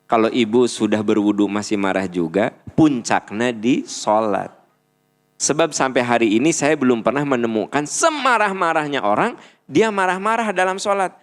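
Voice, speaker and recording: A middle-aged man with a Sundanese accent giving a playful, animated religious lecture as a preacher. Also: medium pitch, normal speed. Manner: animated, playful, acts out little dialogues. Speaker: Islamic preacher.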